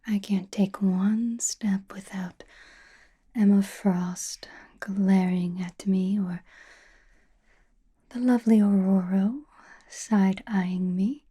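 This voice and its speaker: Whispering softly and very darkly in a steady mid-range voice, a woman voices a mysterious sorceress of chaos magic in an ASMR roleplay. She speaks slowly and deliberately, breathy and cryptic, as though sharing secrets with one listener, wry yet guarded.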